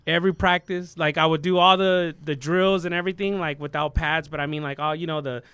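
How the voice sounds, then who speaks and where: A young man from Southern California chats as a podcast guest, rambling easily through his story with plenty of fillers and slang. His voice is bright and clean. It sits close to the mic in a dry, dead room. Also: on the high side, steady tone, brisk, clean tone, dry recording. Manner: laid-back, rambling, lots of fillers and slang. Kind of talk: casual storytelling chat.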